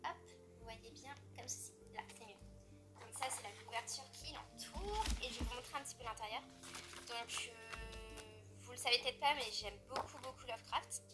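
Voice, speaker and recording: A woman's voice: a little high, moderate pace, loud music behind the voice. A French woman casually chatting about her books as a book vlogger, rambling with fillers and self-corrections. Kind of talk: casual chat.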